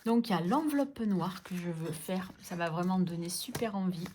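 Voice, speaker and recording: A woman's voice: on the low side, moderate pace, darkish tone, slight background noise. A woman vlogging about her budget envelopes, chatting casually and playfully scolding herself as she sorts things. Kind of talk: casual chat while sorting envelopes.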